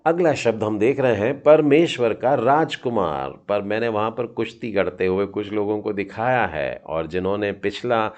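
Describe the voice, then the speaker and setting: A man's voice: lowish voice, moderate pace, hardly any pauses, a little mellow. A middle-aged man teaching a children's Hebrew lesson, patiently sounding out each letter and encouraging his students.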